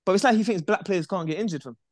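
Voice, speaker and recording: A young man, co-hosting a casual football chat, animated and repetitive, dropping "bruv" and "bro" constantly. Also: high-pitched, racing, dry recording. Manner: animated, repeats himself, peppers talk with "bruv" and "bro". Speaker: podcast co-host.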